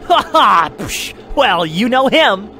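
A woman's voice: mid-range voice, big pitch swings, slow pace, over music, voice pushed up. A woman voicing a nervous night guard disguised as a male bear animatronic in a fan animation, stammering and evasive.

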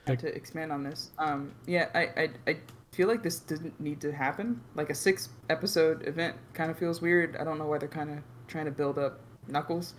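A man's voice: fairly high pitch, normal speed, fairly bright tone, a little hiss or hum. A man co-hosting a casual reaction podcast, rambling with hesitant restarts as he gives his take. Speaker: podcast co-host. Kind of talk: casual group reaction chat.

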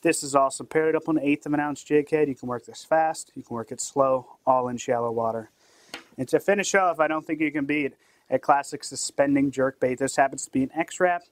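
A man's voice: mid-range voice, fairly quick, no echo. A young man from a tackle shop staff, giving a friendly, explanatory gear demonstration indoors.

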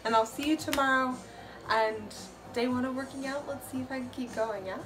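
A woman's voice: high voice, brisk, very noisy. A young woman chatting casually in her home kitchen vlog, rambling with fillers, recorded on a phone. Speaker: vlogger. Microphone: phone camera.

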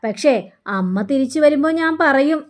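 A woman voicing an older grandmother from a TV serial who gently coaxes a child to eat. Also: sits high, expressive, moderate pace. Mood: coaxing. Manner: coaxing, gentle.

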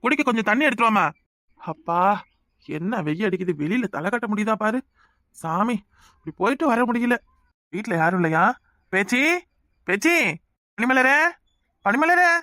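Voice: medium pitch, expressive, normal speed, pauses often, pushed and bright, dry recording, clean studio sound. A performer voicing a bossy but caring middle-aged village uncle in a cartoon, with a Kanyakumari Tamil accent. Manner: bossy but affectionate, scolding. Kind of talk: cartoon voice acting.

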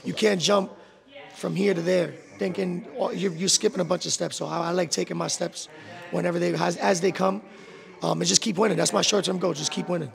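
A young man in his twenties talks quickly and loosely, dropping slang and fillers as he answers an interviewer. His voice is high for a man and heavily gravelly. He speaks into a handheld mic in a boxing gym. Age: 20s. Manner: relaxed, street slang, many "bro" and "um". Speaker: professional boxer, guest. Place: boxing gym beside a ring, indoors.

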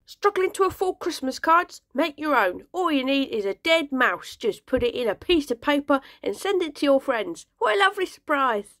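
A woman's voice: sits high, big pitch swings, moderate pace, a bit bright, no room sound, full character voice. A woman playing a cheerful, morbid Victorian urchin, breezily delivering grim comic tips. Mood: chirpy. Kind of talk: comic sketch monologue.

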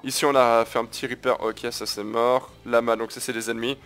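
A man's voice: medium pitch, flat delivery, brisk, fairly bright tone, faint music behind. A man hosting his gaming video, talking viewers through a strategy match in a casual, crude, chatty way. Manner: chatty, crude slang, keeps addressing viewers as guys. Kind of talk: casual live gameplay commentary.

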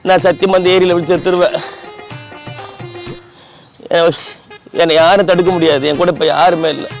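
Pleading man, high voice. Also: fairly even intonation, normal speed, soft background music. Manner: wailing, pleading, dramatic. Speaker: prankster. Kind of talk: public prank, fake heartbreak plea. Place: outdoors by a lake.

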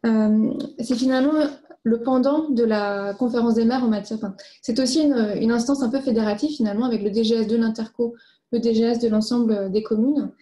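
This woman delivers findings formally and briskly, holding a steady tone. Her voice is pitched fairly high and sounds very soft-edged and mellow as she goes through things methodically, one point at a time.

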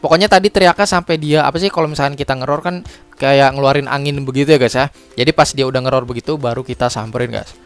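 This young man's voice is medium in pitch, smooth, and steady as he hosts a casual game tutorial on his gaming channel, with music playing beneath. Upbeat and talkative, he calls out "guys" all the time and laughs at his mistakes after quick apologies.

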